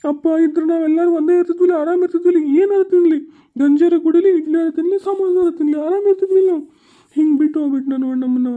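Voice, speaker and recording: Woman as a hostel schoolboy, North Karnataka Kannada, high and quick, pleading, family drama. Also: little pitch movement, close to an everyday voice. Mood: tearful. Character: young schoolboy living away at a hostel. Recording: muffled lo-fi recording.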